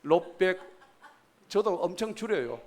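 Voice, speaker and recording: A man's voice: high voice, animated, a little slow. A man, preaching a sermon at a church service in a folksy, joking way and quizzing the congregation. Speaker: pastor.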